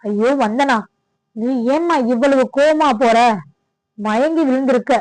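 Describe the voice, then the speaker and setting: A woman's voice: sits high, a little slow, a little mellow, no room sound, low-quality recording. A woman doing fussing mother-in-law. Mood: pleading. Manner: pleading, fussy.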